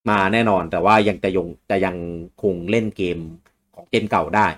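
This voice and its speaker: A man hosting a casual gaming talk show, reading out viewer questions and answering them in a relaxed way with many restarts. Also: fairly low pitch, normal speed.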